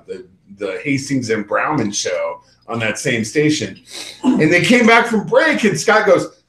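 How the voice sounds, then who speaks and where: Lively male podcast co-host, echoey room. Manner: animated, jumps into high-pitched impressions. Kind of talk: casual profane banter.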